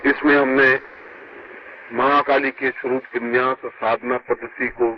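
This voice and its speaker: A man giving a sermon as a spiritual guru to his disciples, emphatic and swooping between high and low, heard from an old worn tape recording. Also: little pitch movement, a little slow. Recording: muffled hissy old tape.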